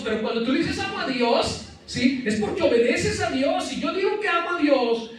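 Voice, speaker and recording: A man's voice: very high voice, fairly bright tone. A male pastor preaching a sermon in a church, often asking the congregation questions and dropping playful asides. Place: church sanctuary. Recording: very echoey church hall, mic at a distance.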